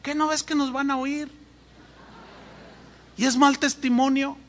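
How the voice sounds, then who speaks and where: A man's voice: very high voice, flat delivery, unhurried, fairly bright tone, voice pushed up. A Mexican man voicing an angry, abusive husband who is a church deacon, snapping harsh orders, heard with long hall reverb.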